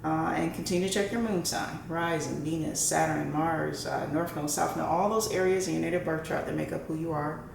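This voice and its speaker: In a deep, steady voice with vocal fry, talking briskly with few pauses, a tarot reader and channel host gives her viewers a casual tarot and horoscope reading. She frequently checks in by asking "right?", and the audio carries a roomy echo with faint background noise.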